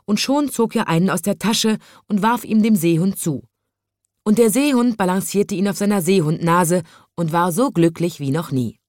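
Woman reading a kids story slow and clear, lowish voice, dry close sound. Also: darkish tone, no room sound. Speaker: narrator.

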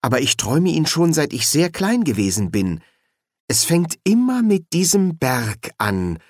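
A man's voice: a little high, sing-song, unhurried, no room sound, clean studio sound, voice pushed up. A man voicing an anxious but spirited young actress in a lifted, tense voice.

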